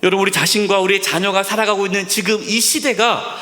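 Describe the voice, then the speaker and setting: A male senior pastor preaching a sermon, asking rhetorical questions, repeating key words, and dropping to a soft near-whisper for emphasis. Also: sits high, steady tone, quick pace. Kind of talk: sermon at a Friday prayer service. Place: church sanctuary. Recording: long hall reverb in a church sanctuary.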